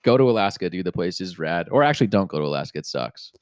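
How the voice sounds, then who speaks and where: A man's voice: deep voice, lively intonation, fast, darkish tone, clean tone, no echo. A young man hosting a podcast in a studio, talking in a laid-back casual way and filling his speech with "dude" and "like". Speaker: podcast host.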